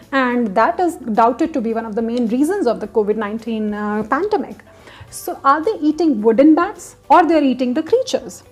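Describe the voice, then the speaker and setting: A woman giving an explanatory lecture as a literature teacher, repeating example sentences with shifting stress and pausing often on hesitant fillers. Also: sits high, a little mellow, breathy edge.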